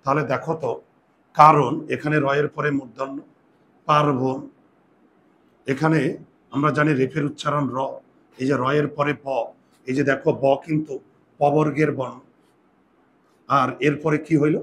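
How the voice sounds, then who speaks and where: A man's voice: a little high, level tone, normal speed, long pauses, fairly bright tone, slight background noise. A man teaching a Bengali grammar lesson, patiently repeating key points and asking and answering his own questions.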